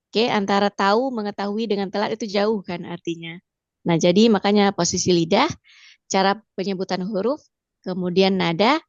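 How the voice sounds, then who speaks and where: A woman teaching Mandarin pronunciation with an Indonesian accent, patiently repeating sounds slowly for practice. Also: medium pitch, no echo, dull audio. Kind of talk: online language lesson.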